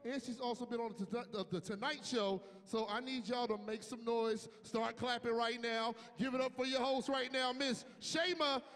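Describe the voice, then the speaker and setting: High-voiced man emceeing in a reverberant hall. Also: fairly even intonation, moderate pace, hardly any pauses, a bit bright. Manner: hyping, crowd-rousing. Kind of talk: hype-up introduction. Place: comedy club.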